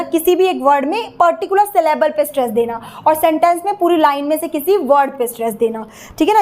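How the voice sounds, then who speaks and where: A young Indian woman with an Indian accent, teaching in an explanatory exam-prep lecture and often checking in with her students. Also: high-pitched.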